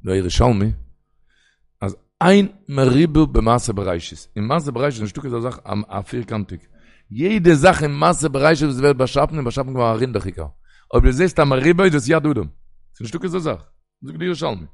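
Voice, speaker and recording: Gravelly-voiced rabbi preaching in Yiddish. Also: male voice, mid-range voice, lively intonation, brisk. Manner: rambling, storytelling, quoting sources in a singsong. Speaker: rabbi giving a Torah talk. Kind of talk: Yiddish sermon on the weekly portion.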